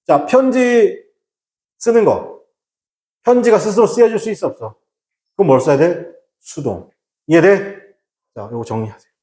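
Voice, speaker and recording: This recorded English grammar lecture features a man with a high, expressive voice at a moderate pace, leaving long pauses, in a reverberant room with slight background noise. He answers his own rhetorical questions, switches between casual and polite speech, and mimes shouted warnings to make a point.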